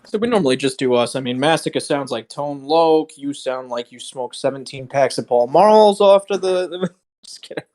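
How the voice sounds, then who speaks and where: A man with a mid-range voice banters on a live stream. He makes quick, teasing jokes at the others. His tone stays casual. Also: mid-range voice, expressive, darkish tone. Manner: teasing, fast joking asides. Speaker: stream co-host.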